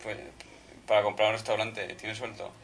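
A man in a group chat telling quick one-liner jokes. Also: lowish voice, little pitch movement, fairly bright tone.

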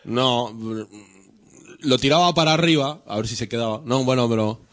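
A man's voice: mid-range voice, a bit bright. Joking man hosting radio. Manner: joking, reads station details quickly. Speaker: radio show host. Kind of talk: casual live radio chat.

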